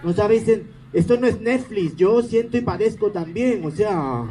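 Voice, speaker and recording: A man's voice: high voice, expressive, moderate pace, warm tone, rough recording. A man doing stage comedy, teasing the audience in a sarcastic, mock-grumpy way.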